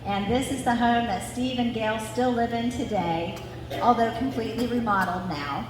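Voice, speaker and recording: Speaking at a moderate pace in a slightly high voice, a daughter in her forties from Ohio, United States, reads a family story at an anniversary gathering, drifting into chatty, sentimental asides. The large room is reverberant, and the recording is echoey, distant, and clearly noisy.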